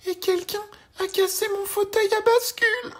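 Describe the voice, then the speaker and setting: A man voicing a small crying baby bear cub in a children's storybook, with a wailing, very high squeaky voice. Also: steady tone, normal speed. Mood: tearful squeal.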